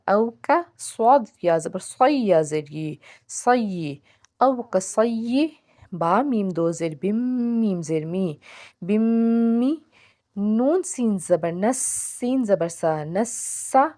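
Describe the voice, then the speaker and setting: A woman gives a tajweed lesson. She spells out each syllable slowly and draws out the recited words with care. Her voice sits at an ordinary middle pitch. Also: warm tone. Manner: slow, deliberate syllable-by-syllable spelling with drawn-out recitation. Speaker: Quran teacher.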